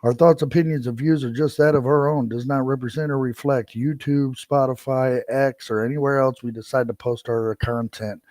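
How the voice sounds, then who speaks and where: Middle-aged man, podcast host, angry repetitive ranting, mid pitch, dry room. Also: fairly even intonation, moderate pace, few pauses, a little mellow, no echo. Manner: profane, heated and repetitive. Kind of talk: angry solo rant.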